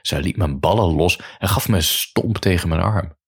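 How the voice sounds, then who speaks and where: A man's voice: sits low, normal speed, breathy edge. A man narrating a first-person story in a dry, matter-of-fact way.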